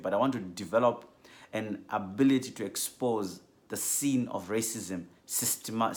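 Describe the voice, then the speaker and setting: A man from Zimbabwe giving a measured, earnest class introduction as a doctoral theology student, with frequent ums. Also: on the low side.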